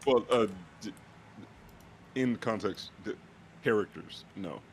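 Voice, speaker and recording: A man with a very deep, heavy voice, chatting casually as a tabletop game player, haltingly searching for words. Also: slight background noise.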